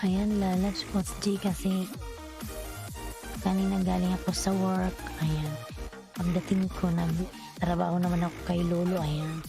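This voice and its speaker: A woman's voice: lowish voice, little pitch movement, unhurried, vocal fry, long pauses, music in the background. A sleepy woman from the Philippines, chatting casually on her livestream late at night and signing off. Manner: tired, drowsy, sign-off chatter. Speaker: livestream vlogger. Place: UAE.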